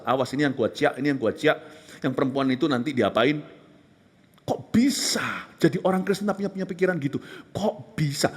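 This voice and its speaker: A male pastor delivering a fiery sermon in a somewhat high voice. He rises into emphatic, loud exclamations and then drops to hushed near-whispers. His delivery is intense and dramatic. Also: breathy edge. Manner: passionate preaching with sudden drops to hushed whispers.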